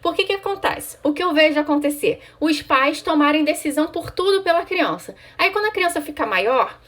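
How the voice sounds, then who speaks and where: A woman's voice: sits high, lively intonation, brisk, fairly bright tone. A woman, a child psychologist giving parents conversational advice and often checking in with "tá?". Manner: conversational, frequent "tá?" check-ins; answers viewer questions directly.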